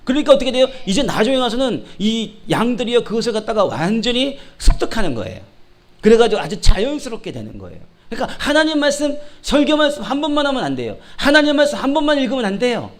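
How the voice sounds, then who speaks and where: A male pastor preaches a sermon in a high voice that he works for emphasis, talking fast. His delivery is animated and packed with rhetorical questions to the congregation, and he occasionally slips into mock regional dialects for humorous effect.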